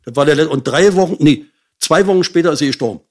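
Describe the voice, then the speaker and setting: A man's voice: fairly high pitch, fast talker, a little mellow. An older man telling his hard life story as an interview guest, blunt and swearing. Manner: blunt, swears, relives angry outbursts.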